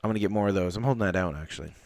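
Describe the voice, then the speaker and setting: A man's voice: low-pitched, rapid-fire, gravelly, no room sound. Chatty man unboxing cards, dry sound. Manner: chatty, rambling with fillers and excited exclamations. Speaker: card unboxing host. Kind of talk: casual live unboxing chat.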